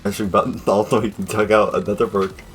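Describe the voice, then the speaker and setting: Low-voiced young man ranting about games. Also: little pitch movement, quick pace, over loud music. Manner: jokey, rambling, sudden loud outbursts. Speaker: fan reviewer. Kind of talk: casual video review narration.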